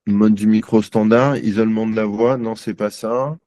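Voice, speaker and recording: A man's voice: lowish voice, steady tone, moderate pace, warm tone, dry recording. A man on a live video call, hesitant and self-deprecating as he struggles to share his screen. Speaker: guest journalist.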